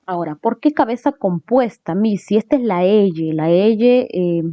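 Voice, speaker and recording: A woman's voice: medium pitch, lively intonation, unhurried, no room sound. A woman teacher explaining a grammar lesson step by step, often checking in with tag questions. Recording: dull lo-fi recording.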